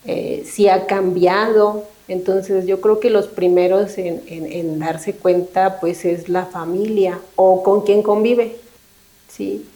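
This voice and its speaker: A middle-aged thanatologist, appearing as a guest in a conversational interview, speaks in a soft, mellow, steady voice at an ordinary middle pitch. She is reflective and unhurried, often pausing to check in with a quick tag question. The audio quality is poor.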